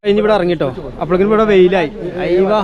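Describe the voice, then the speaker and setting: A man's voice: sits high, fairly even intonation, very fast, dull audio, over a noisy crowd. A man with a Kerala Malayali accent giving casual travel vlog commentary, mixing English words into his Malayalam. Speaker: travel vlogger. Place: outdoors on a lake boat and shore. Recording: noisy outdoor boat and traffic ambience.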